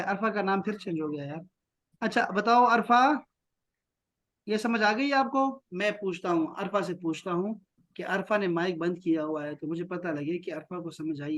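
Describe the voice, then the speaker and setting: A man from Pakistan teaching Arabic to children in an online lesson, patiently repeating short phrases slowly and praising often. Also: sits high, a bit bright. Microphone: video call.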